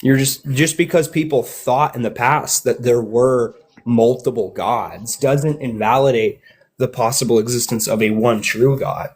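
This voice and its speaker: A man in casual live stream chat, quick to push back and argue his point. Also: medium pitch, breathy edge.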